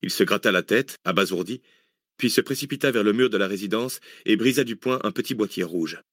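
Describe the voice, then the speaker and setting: Low-voiced male audiobook narrator. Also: fairly quick, no echo, studio quality. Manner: steady storytelling. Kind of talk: scripted narration.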